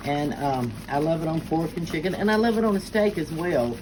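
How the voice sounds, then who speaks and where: This middle-aged woman talks through her cooking in a chatty, homey way, with plenty of "uh" fillers along the way. She is recorded in a home kitchen, with clear background noise underneath her voice. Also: low voice, lively intonation, brisk. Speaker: home cook. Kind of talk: casual cooking demonstration. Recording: noisy home kitchen ambience.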